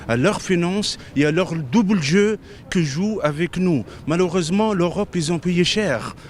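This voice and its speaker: A man from Tunisia speaking as a protester at an outdoor rally, earnest and halting, repeating words as he goes. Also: on the high side, a little hiss or hum. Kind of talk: street interview statement. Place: outdoors on a city street.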